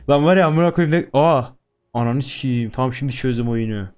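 A man's voice: mid-range voice, darkish tone. Crude joking young man gaming. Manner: crude, joking, swears constantly. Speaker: gaming YouTuber. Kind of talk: let's-play commentary.

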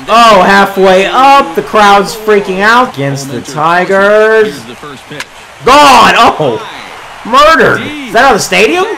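A man giving excitable gameplay commentary, calling home runs like a sportscaster as he plays. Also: sits high, poor audio. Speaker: gaming video creator.

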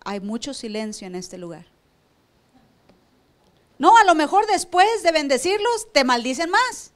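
A woman's voice: high-pitched, big pitch swings, unhurried. A woman pastor preaching a sermon to a church, asking the room rhetorical questions and acting out church members. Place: church service.

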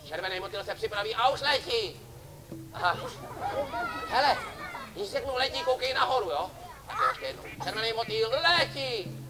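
A man's voice: high voice, background noise. A man performing as a street clown for children at an outdoor summer festival, joking and teasing volunteers from the audience. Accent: Czech. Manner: playful, teasing banter with kids and audience. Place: outdoor festival stage before a crowd. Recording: lively crowd behind.

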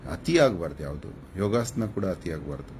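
Very animated yet moderately paced, a man with a low, darkish voice lectures his live-stream audience, slight background noise behind him. His advice comes off preachy, and he scolds and mocks the viewers.

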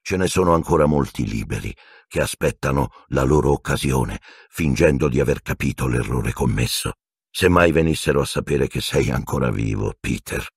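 A man's voice: a bass voice, animated, vocal fry, husky, no room sound, studio quality, voice pushed down, full character voice. A man voicing a bitter escaped prisoner wizard who speaks in a cold, growling, venomous way. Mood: cold menace. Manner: cold, accusing, slow menace.

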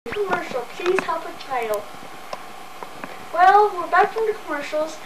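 Very high lively woman playing talk show host, slow and hammy, old vhs tape hiss, echoey room, far from the camcorder. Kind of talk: playful home video skit.

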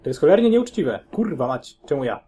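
A man voicing an enraged, humiliated teenage boy who yells and curses. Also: fairly high pitch, big pitch swings, fairly quick, husky, faint music behind. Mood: raging. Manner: shouting, swearing, bitter.

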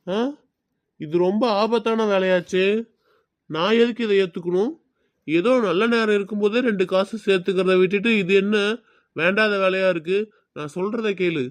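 A man's voice: high-pitched, moderate pace, pauses often, dry recording, lightly acted. A man playing a grumbling film producer. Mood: reluctant. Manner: reluctant, grumbling. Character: grumbling male film producer, cautious and money-minded. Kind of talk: web drama dialogue.

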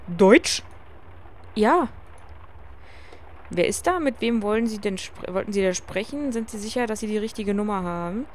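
A woman's voice: animated, normal speed, pauses often, a little hiss or hum, lightly acted. A woman voicing a young female composer who is anxious and overwhelmed, speaking in a strained, panicky way. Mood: puzzled. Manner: high, strained, panicked delivery.

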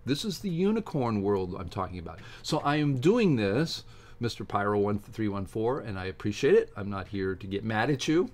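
An older man who hosts videos and comments on science reads aloud from a book in a home study lined with bookshelves. His voice sits fairly low and moves at a moderate pace, and he delivers it all emphatically and with animation, tossing in informal asides.

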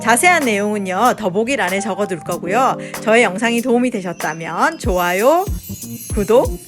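A woman hosting an English phrase lesson, saying each phrase several times clearly and then translating it quickly. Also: medium pitch, animated, music in the background. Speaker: English teacher and channel host. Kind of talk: phrase drill lesson for learners.

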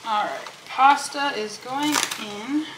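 A high-voiced young woman speaks at a slow pace while casually narrating a cook-along at home. Chatty and thinking aloud, the vlogger works over a sizzling pan in a kitchen that sounds echoey, with faint noise underneath.

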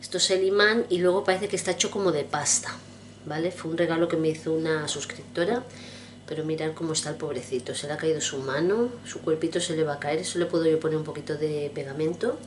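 Low-voiced chatty woman vlogging. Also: steady tone, quick pace, a little hiss or hum. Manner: rambling, chatty, affectionate, addresses viewers directly. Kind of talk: casual chat to camera.

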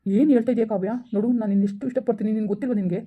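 A woman's voice: medium pitch, very fast, mellow, husky, lightly acted. A woman acting a young man who apologetically pleads with his girlfriend in a village skit. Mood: pleading. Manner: pleading, explaining over and over. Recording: tinny phone-line sound.

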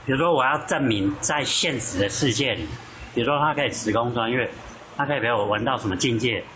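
A man with a bright, forceful voice argues in a casual online voice chat room. He talks at a middling pitch and stays insistent and protective as he pushes back. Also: fast talker, a little hiss or hum, rough recording.

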